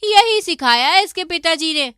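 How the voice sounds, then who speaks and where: A woman's voice: very high voice, lively intonation, normal speed, sharp tone, dry recording, studio quality, exaggerated voice. A woman voicing a scheming, greedy young elder daughter-in-law in a cartoon story, sly and spiteful.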